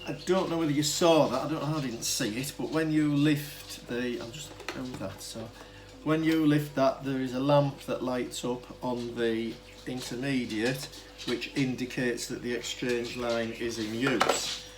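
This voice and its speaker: With music in the background, a man with a mid-range, fairly even voice speaks unhurriedly and with few pauses while informally demonstrating vintage telephone equipment. He's an unscripted hobbyist, explaining in a hesitant, rambling way and interrupting himself often. The amateur camera recording is clearly noisy.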